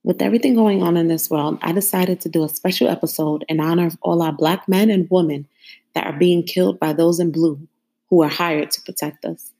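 A woman host in her thirties delivering a solemn spoken-word monologue, measured and grave, built around a repeated refrain. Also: lowish voice, steady tone, vocal fry, warm tone, breathy edge. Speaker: podcast host.

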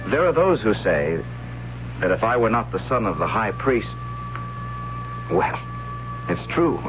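A good-natured, hapless young man who stumbles over his words and shrugs off his own failings. His voice sits on the low side. The sound is dull and muffled, with clear music underneath, like an old radio drama broadcast. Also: very animated, measured pace. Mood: wistful. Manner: easygoing and self-deprecating, hesitant. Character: cheerful, hapless young man, son of a high priest. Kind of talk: 1970s radio drama acting.

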